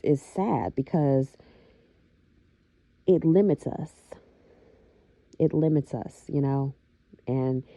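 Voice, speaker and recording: A woman vlogger talking reflectively to her viewers, with a slow, thoughtful manner and many soft fillers. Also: sits low, no echo. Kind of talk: casual talking-to-camera monologue.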